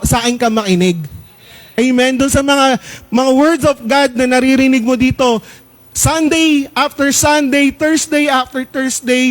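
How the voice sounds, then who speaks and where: A male pastor with a Filipino accent preaching a conversational sermon, often asking "Di ba?" and "Amen?", joking with the congregation, slowing down to read verses and mixing in English. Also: very high voice. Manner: slows down when reading verses aloud; jokes with the congregation.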